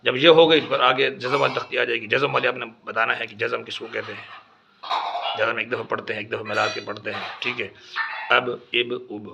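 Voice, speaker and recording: A man's voice: medium pitch, little pitch movement, creaky, heavy background noise. A man teaching other teachers how to instruct children in Quran reading, patiently spelling out drill syllables one by one. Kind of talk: instructional talk. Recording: dull lo-fi recording.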